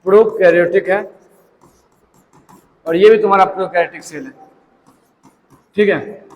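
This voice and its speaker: High-voiced teacher. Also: male voice, unhurried, big-room sound, poor audio. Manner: asks and answers his own questions, storytelling. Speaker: biology teacher. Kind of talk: classroom lecture.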